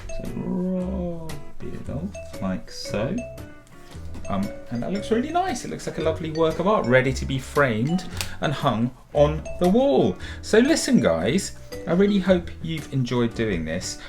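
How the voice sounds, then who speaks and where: A man's voice: a little high, huge pitch swings, normal speed, soft background music. A middle-aged man from the UK giving a friendly, chatty drawing lesson to children, encouraging them and calling them guys. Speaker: children's drawing tutor and author.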